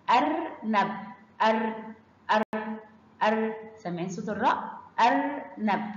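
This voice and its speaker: An Egyptian woman teaching children to read, in a lively, fairly high voice that swings widely in pitch. She draws out each syllable as she sounds out a word. The recording is slightly dull, in an echoey room with a long reverb tail. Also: a little hiss or hum. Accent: Egyptian Arabic. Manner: stretches out syllables when sounding out words; asks children questions and answers them herself. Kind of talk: children's reading lesson.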